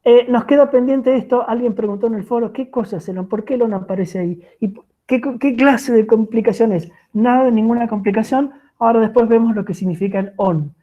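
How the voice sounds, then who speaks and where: A woman with an Argentine Spanish accent teaches French grammar in an online class, speaking at a fairly high pitch and a fairly quick pace. She is patient and checks in with her students often as she explains the grammar. The sound comes through a video call and is tinny, like phone audio.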